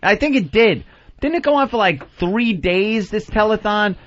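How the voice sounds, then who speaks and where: A man's voice: high-pitched, expressive, normal speed, fairly bright tone, highs cut off. A male radio host, bantering in a wry, mocking way. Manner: wry, mocking, drops into mimicking voices. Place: radio studio.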